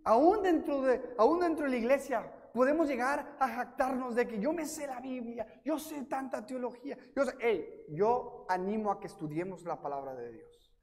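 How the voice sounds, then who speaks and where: Speaking with a Mexican accent, this pastor from Mexico delivers a church sermon at a normal speed in a very high-pitched voice. He livens it up with self-deprecating anecdotes and animated impressions of quotes, all echoing through a reverberant hall.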